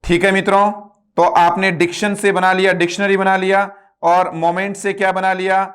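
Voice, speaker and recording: Man, high voice, even and flat delivery, spells words out, quizzes students. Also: moderate pace. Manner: repeats words and quizzes listeners with rhetorical questions. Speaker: English teacher. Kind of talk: online class lecture.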